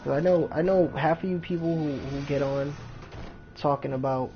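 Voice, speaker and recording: A man's voice: on the high side, normal speed, faint music behind. A man chatting casually over gameplay as a streamer, with slightly slurred articulation from an overbite, in slangy, repetitive phrasing. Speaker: video game streamer. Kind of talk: casual gameplay commentary, rambling chat. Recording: noisy, dull home stream audio.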